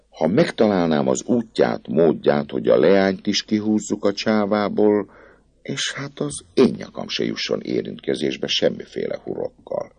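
A man voicing a nervous, boastful male poet who talks in a rapid, fussy patter. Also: deep voice, vocal fry, a little mellow, breathy edge, dry recording, voice pushed up, heavily acted.

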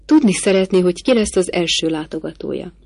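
A woman's voice: lowish voice, expressive, darkish tone, no room sound, studio quality. Woman doing a nervous male footman. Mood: reporting. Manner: deferential, apologetic.

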